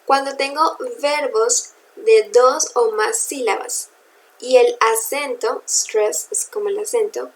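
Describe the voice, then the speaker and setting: A woman's voice: fairly high pitch, slight background noise, rough recording. A woman teaching English grammar in a recorded lesson, patiently spelling out letters and checking in with her students.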